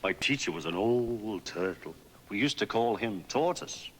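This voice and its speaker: An actor voicing a morose, pompous storybook turtle reminiscing in a doleful manner. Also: male voice, on the low side, animated, measured pace, slight background noise. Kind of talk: dramatized children's story album. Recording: long reverberant echo.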